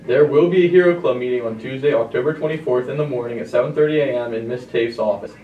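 A man rattles off school announcements at a fast clip in a brisk, matter-of-fact read. His voice comes through a loudspeaker and sounds distant, with plenty of room echo. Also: mid-range voice, narrow, tinny audio. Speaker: student announcer. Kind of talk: reading morning school announcements.

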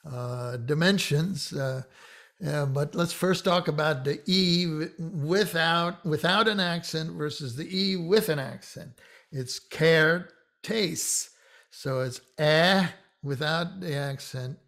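An older man from Hungary talks through a casual lesson in a slow, unhurried way, his voice sitting a little high for a man. He is chatty, with small laughs and "uh"s, and he slows right down to spell things out. He is recorded in a home office on a boom mic. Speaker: psychology professor. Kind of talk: casual pronunciation lesson to camera. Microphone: boom shotgun mic beside him.

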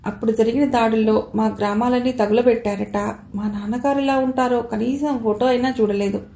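A woman's voice: on the high side, steady tone, fairly quick, gravelly, mellow, a little hiss or hum. A woman reading as an earnest young woman. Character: earnest, polite young woman, eager and respectful. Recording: roomy echo.

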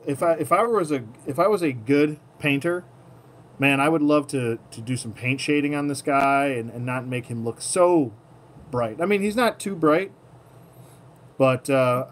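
With a slightly high voice, lively intonation and normal speed, a toy collector guides a casual hands-on session at an indoor table. He occasionally murmurs to himself mid-task, and the room's background noise is clearly audible.

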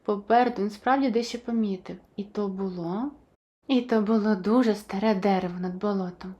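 Жінка виразно й жваво читає вголос дитячу книжку з картинками. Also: female voice, mid-range voice, fairly quick. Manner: expressive, lively. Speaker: storyteller. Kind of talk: children's picture book reading.

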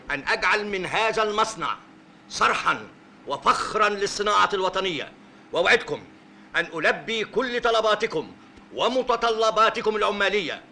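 An actor playing a candidate giving a formal, pompous campaign speech. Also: male voice, high voice, vocal fry, sharp tone, a little hiss or hum, full character voice.

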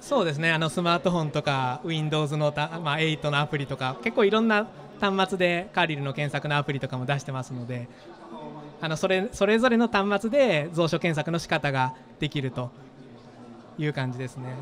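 This fairly high, fairly bright voice belongs to a Japanese man in his thirties from Gifu. He's a startup founder answering interview questions on an expo stage, talking fast but thoughtfully into a handheld microphone and using many fillers.

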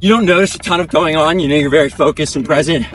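A man in his twenties chatting casually in breathy short phrases as he runs outdoors while being interviewed. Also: a little high, quick pace, slight background noise. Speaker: professional distance runner being interviewed. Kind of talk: casual chat while running. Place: outdoors on a dirt country road, on the move.

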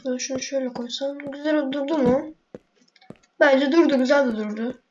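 High-pitched chatty woman gaming commentary. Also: fast, highs cut off, heavy background noise. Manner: chatty, talks to herself and viewers, sudden exasperated outbursts. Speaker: gaming video creator. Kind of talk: casual gameplay commentary.

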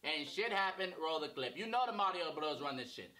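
Cocky foul-mouthed Mario acted by a young man, skit comedy, lively swings, music underneath. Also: on the high side, fairly quick. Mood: boastful. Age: young adult. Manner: boastful, swearing. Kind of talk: skit comedy, mock reality show.

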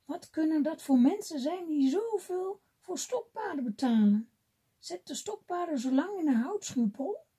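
A woman's voice: high voice, expressive, a little slow, mellow, voice pushed up. A woman voicing a wary carpenter father. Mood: worried. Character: worried poor carpenter father.

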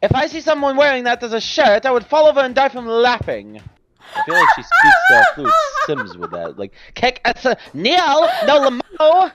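A woman voicing an excitable young woman artist in a fan voice-over of chat messages, giggly and gushing. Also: high voice, moderate pace, very noisy. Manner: giggly, gushing, bursts into squeals.

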